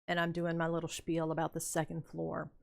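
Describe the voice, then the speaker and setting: A woman's voice: low-pitched, completely flat delivery, brisk, vocal fry. An older woman streamer chatting casually and telling a rambling story while she plays a game, laughing often. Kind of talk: casual chat while playing.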